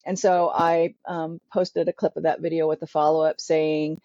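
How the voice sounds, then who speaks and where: A woman podcast host explaining a point in a measured way. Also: deep voice, level tone, mellow, no room sound. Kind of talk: casual podcast chat. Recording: dull lo-fi sound.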